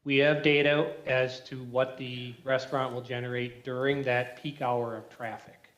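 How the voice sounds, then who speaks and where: A man's voice: medium pitch, level tone, normal speed, fairly bright tone. A man on a clipped, breaking-up remote call line, giving matter-of-fact technical answers as a traffic consultant. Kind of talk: remote testimony at a public meeting. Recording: echoey remote call audio.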